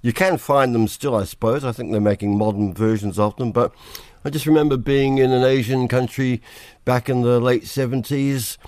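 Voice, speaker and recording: A man's voice: medium pitch, moderate pace, clear, resonant tone, no room sound, clean studio sound. A man in his sixties with a New Zealand accent, giving chatty business commentary on the radio and acting out quotes. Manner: animated, acts out quotes. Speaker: business reporter.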